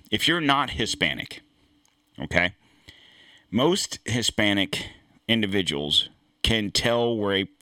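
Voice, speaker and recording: A man's voice: low voice, pushed and bright, no echo, clean studio sound. A man hosting a political commentary show, talking in a rambling, blunt way with frequent restarts and some swearing. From United States. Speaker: podcast host. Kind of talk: casual political commentary monologue.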